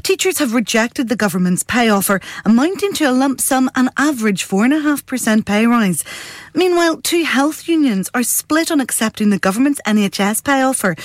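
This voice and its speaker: A woman's voice: a little high, no room sound. A woman radio newsreader delivering a scripted news bulletin.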